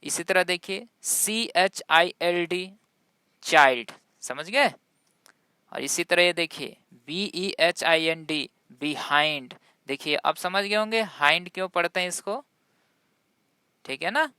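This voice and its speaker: A woman's voice: on the low side, slow, pushed and bright, clean tone, no echo, studio quality. A woman with Hindi as her first language teaching English pronunciation, spelling words out letter by letter and quizzing her viewers as she goes. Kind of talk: classroom-style spoken lesson.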